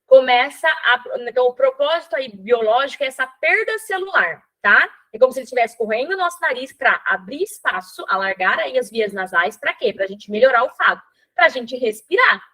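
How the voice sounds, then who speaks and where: A woman's voice: high-pitched, expressive, a little fast, pushed and bright, rough recording. A woman hosting a course for mothers, telling a personal story in a casual spoken lesson full of fillers and acted-out dialogue. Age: adult with a child. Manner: chatty, many fillers like "né" and "tá"; acts out dialogue in her storytelling. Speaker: course host teaching mothers.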